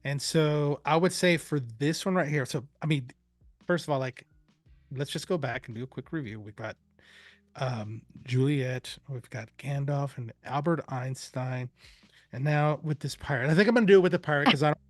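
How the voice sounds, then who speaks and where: A man presenting a live software demo, chatty and enthusiastic, rambling with fillers. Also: medium pitch, normal speed, no echo.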